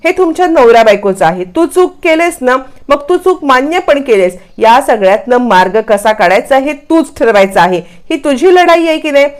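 A man's voice: very high-pitched, lively intonation, moderate pace, few pauses, clear, resonant tone. A woman reading a firm old grandfather. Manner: firm, advising.

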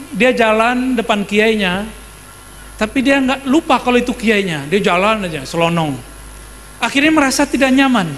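High-voiced man preaching a sermon. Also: a bit bright, long reverb tail, slight background noise. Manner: conversational, asks the audience questions.

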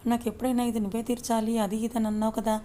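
A woman storyteller voicing a teasing, gruff young husband in an audio story. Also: fairly high pitch, little pitch movement, rapid-fire, dark tone, lightly acted. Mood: teasing scold. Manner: scolding, teasing.

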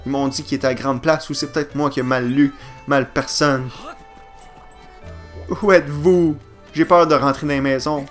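A man with a Quebec French accent doing let's play commentary, excitable and jokey, swearing and yelping at the game. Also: mid-range voice, moderate pace, pauses often, soft background music.

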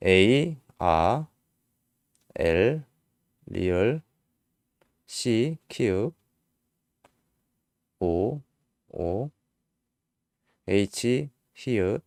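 Korean guy going letter by letter, slow and patient, lowish voice, dry sound. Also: animated, a little mellow, no echo. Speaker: English teacher. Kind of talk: casual spelling lesson.

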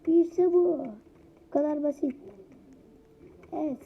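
A woman giving excitable, teasing let's-play commentary as a gaming YouTuber, laughing often. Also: high voice, slow, gravelly, slight background noise. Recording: dull lo-fi home recording.

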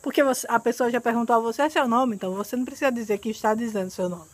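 A woman from Brazil teaching an English lesson outdoors, patiently repeating words slowly to drill pronunciation. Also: fairly high pitch, dry recording, rough recording. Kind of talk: recorded language lesson.

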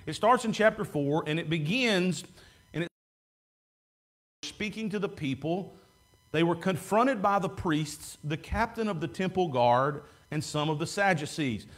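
A man's voice: on the high side, expressive, a little slow. Man preaching in a church. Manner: conversational preaching, stretches words for emphasis. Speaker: pastor. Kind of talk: sermon. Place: church sanctuary. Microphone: far camera at back of room.

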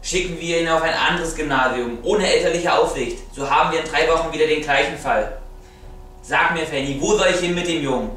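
A young man in an amateur film drama, playing a stern figure with an earnest, measured delivery. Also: a little high, fairly bright tone, roomy sound, a little hiss or hum, lightly acted. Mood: grave. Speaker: amateur actor.

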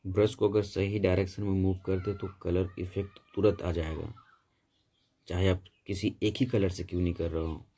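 Low, mellow-voiced male painting instructor. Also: normal speed, breathy edge. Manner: steady, patient step-by-step instruction. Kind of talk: tutorial voice-over explaining technique.

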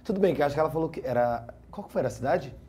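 A man commenting on a podcast in quick, conversational, hedging talk. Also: on the high side, animated, a crowd in the background. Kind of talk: casual podcast chat.

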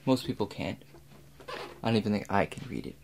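A man in his twenties with a fairly low voice plays an examining doctor in a soft-spoken ASMR medical role play. Calm and measured, he guides the listener step by step, recorded in a small indoor room with a clear, steady background hum.

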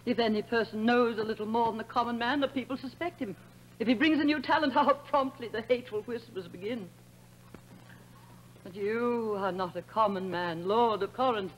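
A woman's voice: on the high side, normal speed, close to an everyday voice, poor audio. An actress playing a proud, bitter, wronged sorceress queen in grand declamatory 1950s stage tragedy style. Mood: guarded.

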